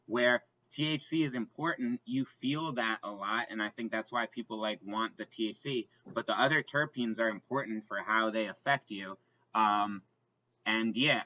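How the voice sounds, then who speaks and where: A man's voice: medium pitch, sharp tone, muffled recording. A man co-hosting a podcast in casual chat, rambling with lots of fillers and restarts. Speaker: podcast co-host.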